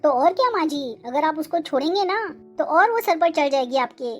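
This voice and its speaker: A woman's voice: high voice, lively intonation, brisk, soft background music, pitched below the performer's own voice. A woman voicing a sly scheming daughter-in-law. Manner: sly, needling.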